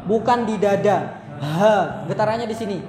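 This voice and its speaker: A man's voice: high-pitched, normal speed, big-room sound, crowd noise. A Javanese man teaching a Quran recitation workshop, modeling letter sounds and explaining casually. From Java, Indonesia. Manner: drills syllables, then explains casually.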